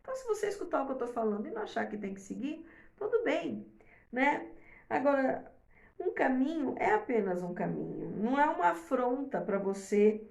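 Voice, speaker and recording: A woman's voice: on the high side, creaky, darkish tone. A middle-aged woman giving an informal online lecture as a parenting mentor, talking conversationally and tagging her sentences with "né?". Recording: roomy echo.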